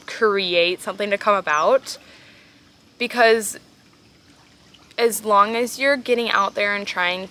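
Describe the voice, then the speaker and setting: Sitting outdoors in a pool, a woman hosts a podcast on her own. Her average-pitched voice is bright and forceful, and she talks informally and earnestly, stressing key words in a casual motivational way. There's a little hiss or hum.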